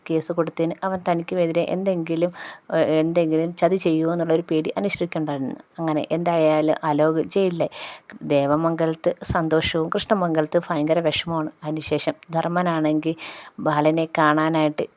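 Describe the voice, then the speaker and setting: A woman retelling a serial's plot in a quick, run-on storytelling manner, paraphrasing the characters' lines. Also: low-pitched, little pitch movement, darkish tone. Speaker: serial recap narrator. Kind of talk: fast storytelling recap.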